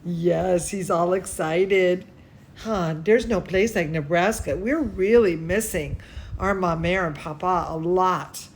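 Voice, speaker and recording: Slowly and with a breathy edge to her lowish voice, a woman reads a bedtime story aloud to little ones, sprinkling in affectionate, chatty comments and exclamations. She hosts children's bedtime stories and teaches cooking.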